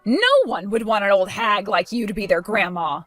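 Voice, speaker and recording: A woman's voice: medium pitch, moderate pace, a bit bright, soft background music, lightly acted. A woman voicing a protective young mother in a dramatized story, accusing and sarcastic.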